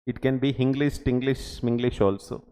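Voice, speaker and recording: A man's voice: medium pitch, fairly even intonation, moderate pace, mellow, clear, resonant tone. A man in his forties with a Telugu Indian English accent, teaching a class in short instructional phrases with frequent check questions, in a reverberant room. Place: indoor teaching studio or classroom.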